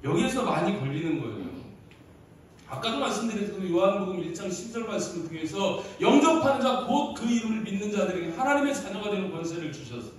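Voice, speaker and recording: A male pastor preaches with lots of storytelling and frequently calls on the congregation for a reply. His voice sits high and swings widely in pitch. He is heard from some way off in a very echoey sanctuary with a faint hiss. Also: big pitch swings, fast talker. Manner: storytelling, often asking the congregation for replies. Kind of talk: sermon. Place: church sanctuary. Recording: echoey hall from far off.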